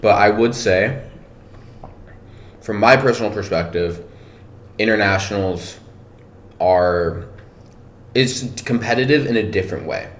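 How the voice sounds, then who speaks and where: A powerlifter guest talks casually on a podcast about competing, thinking aloud with many fillers. His voice is on the low side, his pace is measured with long pauses, and the room is echoey with faint noise.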